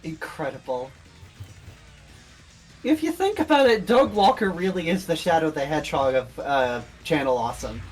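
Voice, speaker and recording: A person chatting on a gaming stream, cracking wry, deadpan jokes. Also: mid-range voice, normal speed, soft background music, poor audio. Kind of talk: casual chat while gaming.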